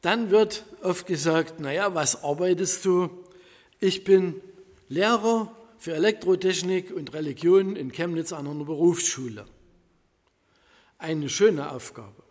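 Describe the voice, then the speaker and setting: A middle-aged man from Germany, leading the creed and preaching in a measured, solemn manner during a church service. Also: fairly high pitch, darkish tone. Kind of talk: church liturgy and sermon. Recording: long church reverb.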